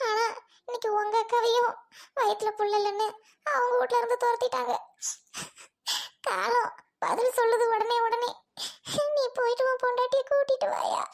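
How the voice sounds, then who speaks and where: Brief: anxious mother, played by a woman, pleads with her son-in-law, very high pitched. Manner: scolding then begging. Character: worried mother of the wife, scolding and soft. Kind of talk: family melodrama skit.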